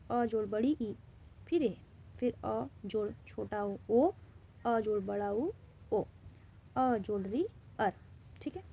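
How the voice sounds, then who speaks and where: A woman's voice: on the high side, mellow, husky. A woman Hindi grammar teacher with an Indian accent, giving a classroom-style lesson in which she poses questions and then answers them, repeating key terms.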